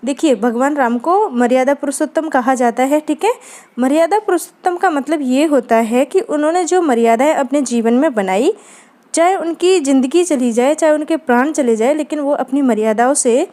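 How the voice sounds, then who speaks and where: Woman lecturer, high and mellow voice, patient explainer who keeps checking in with students. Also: normal speed. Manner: explanatory, frequent "ठीक है दोस्तों" check-ins. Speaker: Hindi literature teacher. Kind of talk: exam-prep lecture.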